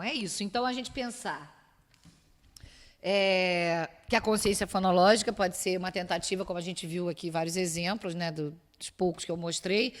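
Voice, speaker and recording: A woman with a Brazilian Portuguese accent giving an academic lecture, explaining step by step and asking rhetorical questions. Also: on the low side. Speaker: university lecturer. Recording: long reverb of a lecture hall.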